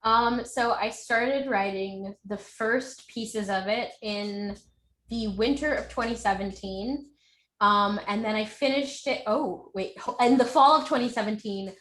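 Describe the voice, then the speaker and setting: A woman's voice: a little high, measured pace, a bit bright, reverberant, poor audio. A woman author answering questions at an online book launch. She speaks casually and hesitantly, with many ums and self-corrections. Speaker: author being interviewed.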